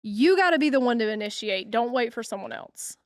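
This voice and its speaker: A woman's voice: a little high, expressive, a little fast, no echo, studio quality. A middle-aged woman co-hosting a podcast, giving confident, emphatic advice in a casual coaching tone. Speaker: podcast co-host.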